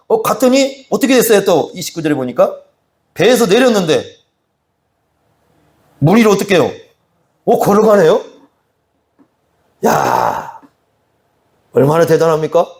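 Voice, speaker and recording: A man's voice: fairly high pitch, darkish tone. A male pastor preaching an expository sermon in a conversational way, often asking the congregation questions. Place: church sanctuary.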